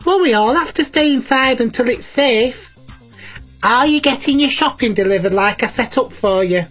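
Cheeky granny, put on by a woman, high voice, faint music behind. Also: expressive, moderate pace, fairly bright tone, husky. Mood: cheery. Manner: chatty, cheeky, talks to children at home. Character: chatty elderly granny cleaner, cheeky and homely. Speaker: children's show presenter in character.

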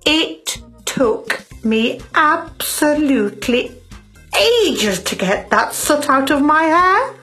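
Woman playing a high, lively-voiced posh snob, slow and dramatic, music faint behind. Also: full character voice. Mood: indignant. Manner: haughty, dramatic, drawn-out complaints. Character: posh snobbish rich lady, fussy and self-pitying. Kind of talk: children's comedy sketch acting.

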